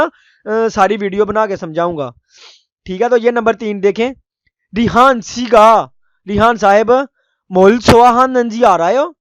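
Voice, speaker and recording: A man with a high, smooth voice teaches a language lesson. He sounds out foreign words slowly and repeats them, and he keeps checking in with his listeners. The recording is dry and close. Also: no echo. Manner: frequent checking-in tag phrases. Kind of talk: explaining a lesson.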